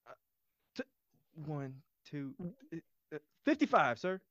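A man's voice: fairly high pitch, very animated, measured pace, a bit bright, dry recording, lo-fi sound. A man playing a goofy, clueless young cadet who stammers and giggles in a comedy skit.

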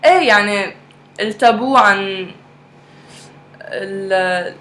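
A woman's voice: mid-range voice, takes it slowly, fairly bright tone. A woman with a Lebanese Arabic accent chatting candidly in a group, mixing Arabic with English. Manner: switches between Arabic and English. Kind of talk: candid casual group discussion. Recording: clear background noise.

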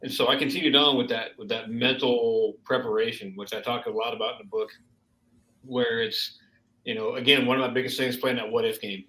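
A man's voice: mid-range voice, fairly even intonation, fairly quick, sharp tone. A police officer and author telling his experience frankly in a casual interview, swearing now and then. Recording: roomy echo.

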